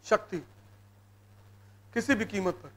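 A man's voice: high voice, steady tone, takes it slowly, fairly bright tone. A man with a North Indian Hindi accent giving a motivational classroom lecture to exam students, emphatic and repeating his key words. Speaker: civil services exam teacher. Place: live classroom session.

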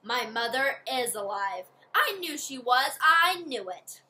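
A woman voicing an eager young princess who speaks excitedly and pleads in a storybook reading. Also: very high voice, slow, slight background noise, voice pushed up, heavily acted.

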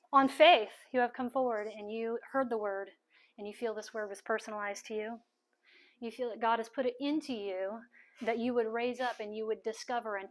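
A middle-aged woman minister praying over people at a house meeting, soft-spoken and coaxing, often repeating her phrases. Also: medium pitch. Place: large living room full of people.

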